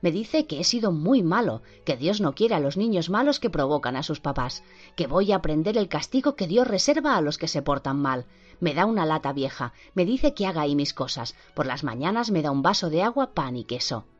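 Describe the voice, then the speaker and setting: Una mujer lee con voz propia a un niño maltratado que relata, tenso y entrecortado, su encierro. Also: female voice, sits low, sing-song, brisk. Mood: fearful. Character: frightened abused young boy recounting. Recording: dull lo-fi with faint music.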